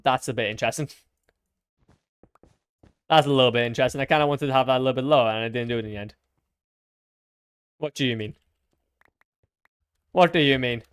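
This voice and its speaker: A young man chats through a live stream while he builds, joking at his own expense and humming little sound effects between remarks. His voice is smooth and clear and sits a touch high for a man. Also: no echo. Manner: chatty, self-mocking, hums little sound effects.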